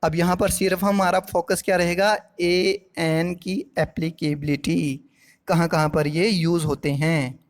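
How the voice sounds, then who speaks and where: An Indian man teaching a grammar class at an unhurried pace, spelling out each example phrase slowly and clearly. He explains with patience and keeps checking that his students follow along. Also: a little high, flat delivery. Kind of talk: classroom-style grammar lesson.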